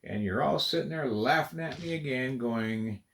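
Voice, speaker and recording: A video creator with a mid-range, slightly bright voice speaks at normal speed while building a model in a vlog. Talking to himself, he counts pieces under his breath and teasingly scolds them as rascals.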